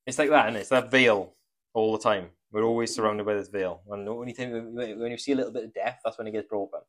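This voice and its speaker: Fast-talking sweary man. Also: fairly low pitch, steady tone, a bit bright. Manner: sweary, rambling, philosophical. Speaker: podcast co-host. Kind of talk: casual chat.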